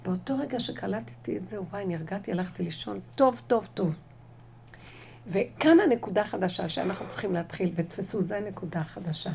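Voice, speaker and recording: Using a story from her own life, a woman teaches a spiritual lesson, re-enacting conversations she had and returning to key phrases with animated emphasis. She has a gravelly, mid-range voice.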